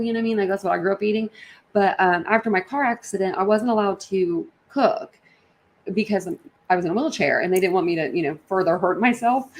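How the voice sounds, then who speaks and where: A livestream host chats with her viewers from an apartment, her mid-range voice carrying a slight mellowness. She keeps things informal and rambling, with lots of slang.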